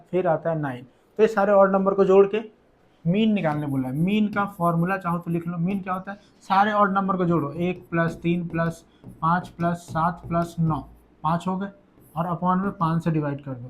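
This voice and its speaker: A young man teaching school maths for exams in a quick, chatty way, repeating each step. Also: high-pitched. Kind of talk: exam-prep maths lesson.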